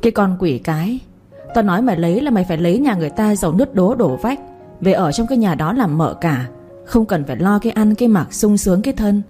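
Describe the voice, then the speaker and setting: A woman's voice: medium pitch, lively intonation, fast talker, mellow, faint music behind, close to an everyday voice. A woman voicing a bossy, scheming middle-aged stepmother who scolds and wails theatrically in a storybook reading. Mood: scolding.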